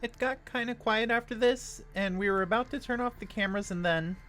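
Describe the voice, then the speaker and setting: A woman's voice: fairly high pitch, a little fast, a bit bright, soft background music. A woman giving a casual, candid voice-over narration as host of a ghost-hunting vlog.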